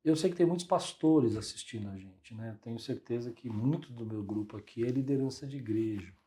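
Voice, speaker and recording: A man with a Brazilian Portuguese accent, a pastor hosting a podcast, asking gently provocative questions. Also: mid-range voice, fairly quick. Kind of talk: conversational podcast interview.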